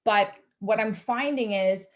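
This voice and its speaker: A woman's voice: medium pitch, measured pace. A woman in her thirties speaks on a video call with a mid-range voice. She is a physiotherapist on a casual panel, talking straight and peppering her speech with "like" and "you know.". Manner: frank, filler-heavy, many "like" and "you know".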